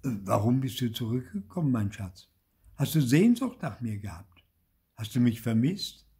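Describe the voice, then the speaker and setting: An older man voicing a poor, short-tempered peasant husband who scolds loudly and impatiently, in a husky voice. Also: mid-range voice, very animated, normal speed, full character voice. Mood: tender.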